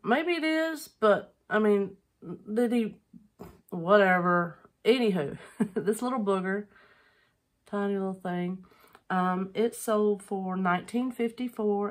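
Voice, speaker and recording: A middle-aged woman chatting casually at home on a camera mic, rambling with lots of filler ums as she shows items she has sold. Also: mid-range voice. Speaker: online reseller vlogger.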